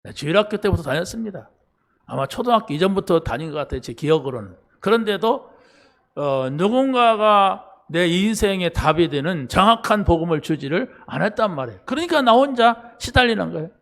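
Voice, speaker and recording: Man, middle-aged, pastor, sermon, slightly high pitch, conversational, rhetorical questions. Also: expressive, fairly quick. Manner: conversational preaching with many fillers and rhetorical questions.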